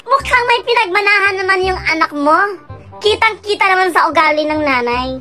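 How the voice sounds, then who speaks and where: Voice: extremely high pitch, expressive, fairly quick. A performer playing a polite but blunt schoolteacher in a comedy skit, over music.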